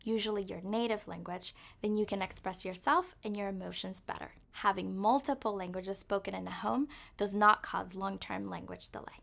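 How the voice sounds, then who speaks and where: A woman giving steady, reassuring advice in an educational video. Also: medium pitch, normal speed, vocal fry, few pauses. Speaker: hospital staff presenter. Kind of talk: scripted educational narration.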